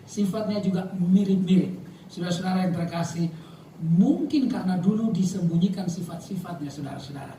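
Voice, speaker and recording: A man's voice: high-pitched, brisk, dark tone, slight background noise. A man from Maluku preaching a sermon as pastor, telling stories and jokes and often calling out to the congregation. He calls himself somewhat emotional and reactive. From Maluku, Indonesia. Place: church hall with congregation. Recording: very echoey hall, voice from far off.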